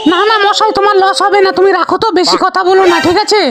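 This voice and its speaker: Woman voicing a very high-pitched, quick mischievous girl. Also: steady tone. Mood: crafty. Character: mischievous greedy young girl, excitable and crafty. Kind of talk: comic cartoon story dialogue.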